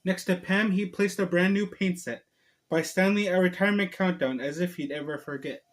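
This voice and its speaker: A man's high-sitting voice moves at a moderate pace in this homemade video. He's the host, chatting in vlog fashion and giving a slightly stumbling, casual storybook reading.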